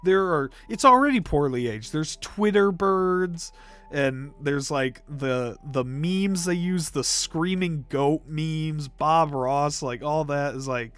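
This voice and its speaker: A man's voice: fairly high pitch, slow pace, a bit bright, smooth. A young man livestreaming, ranking movies in casual chat, rambling with fillers and coughing now and then. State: coughing, throat irritated. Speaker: live stream host.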